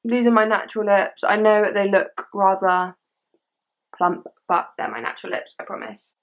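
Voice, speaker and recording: A woman's voice: mid-range voice, steady tone, moderate pace. A young English woman in casual chat to camera, talking informally with British teen slang and lots of "like". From England. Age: young adult. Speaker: social media creator. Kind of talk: casual chat to camera, reading out and answering assumptions.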